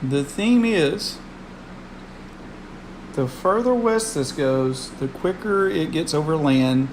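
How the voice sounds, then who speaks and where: Slow-paced man over a loud steady hum. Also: a little high. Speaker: weather live streamer. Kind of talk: casual live weather commentary.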